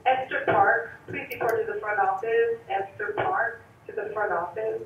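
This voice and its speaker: A woman's voice: a little high, sing-song, normal speed, a little hiss or hum. A woman making an announcement over a school intercom, calling a name and repeating the request to come to the office. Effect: school intercom loudspeaker. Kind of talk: public address announcement. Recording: tinny echoey loudspeaker from far off.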